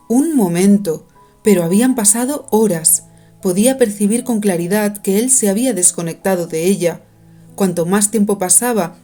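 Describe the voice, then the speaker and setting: Woman audiobook narrator, mellow dark tone, soft music underneath. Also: medium pitch. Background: faint music.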